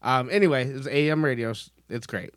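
A man on a podcast telling a paranormal story in a casual way, swearing and getting loud when he's excited. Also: mid-range voice, fairly quick, no echo, clean studio sound.

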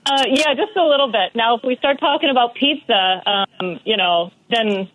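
A woman's voice: on the high side, normal speed, slight background noise. A woman from the Chicago area, a radio guest, talking earnestly with many um fillers. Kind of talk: radio interview. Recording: tinny phone line.

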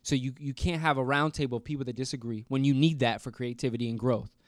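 Dry-sounding man, animated podcast co-host. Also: mid-range voice, fast talker, no echo. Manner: animated, acts out quoted exchanges. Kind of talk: casual discussion.

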